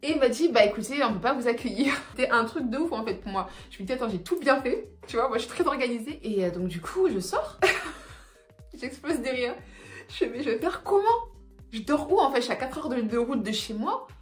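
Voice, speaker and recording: Young woman travel vlogger, slightly high voice, animated and slangy, laughs through her stories, echoey room with faint music. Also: brisk. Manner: animated, slangy, laughs while telling mishaps. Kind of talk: casual storytelling to camera.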